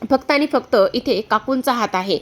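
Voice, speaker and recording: A woman's voice: on the high side, normal speed, lightly acted. A woman voicing a young married elder sister who scolds and pleads in a retold serial story, in her own voice. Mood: troubled. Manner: lecturing, pleading.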